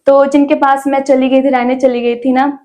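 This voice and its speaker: A young woman with a high voice tells her faith testimony in a casual interview. She talks in a chatty way, with many small fillers between her words. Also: level tone, normal speed, darkish tone. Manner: chatty storytelling with frequent "ना" fillers. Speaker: guest sharing her testimony.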